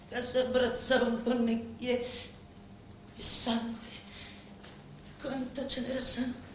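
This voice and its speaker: A woman with a high voice and a Sicilian accent performs a stage monologue as a grieving daughter of murdered parents bent on revenge, speaking to a boss in dialect-tinged Italian. Anguished and grieving, she delivers lines haltingly, like an incantation, repeating words often. The recording is echoey, faintly noisy and distant.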